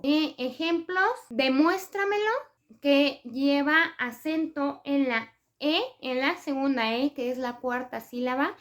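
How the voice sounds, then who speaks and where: A woman presenting a spelling lesson for writers, explaining step by step with examples and frequent hesitation fillers. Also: sits high. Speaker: writing tips presenter.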